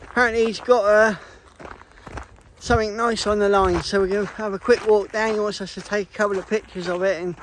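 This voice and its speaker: A man's voice: sits high, steady tone, brisk, a bit bright, slight background noise. A man vlogging outdoors beside a fishing lake, chatting casually and breaking off mid-sentence. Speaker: vlogger, angler. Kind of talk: casual vlog chat.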